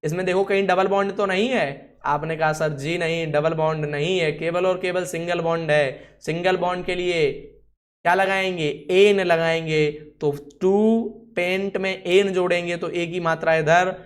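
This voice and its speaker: A man's voice: high-pitched, fairly even intonation, unhurried. A man teaching a chemistry class, asking the students questions and answering them himself, and telling someone else what to write on the board. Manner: instructs someone writing on the board. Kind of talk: classroom lesson.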